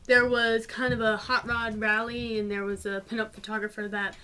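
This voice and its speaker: Casually chatting in her vlog and responding to viewers, this twenty-something woman from North Georgia, USA, carries a mountain Southern twang. Her slightly high voice is delivered flatly at a normal speed, sounding pushed and bright over slight background noise. She rambles, laughing a little and saying um often.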